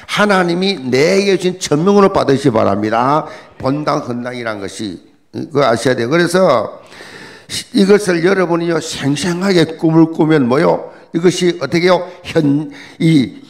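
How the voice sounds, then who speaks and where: A man's voice: on the high side, gravelly. A middle-aged male pastor, preaching a dawn prayer sermon, repeating key words and firing questions at the congregation. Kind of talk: early-morning prayer sermon.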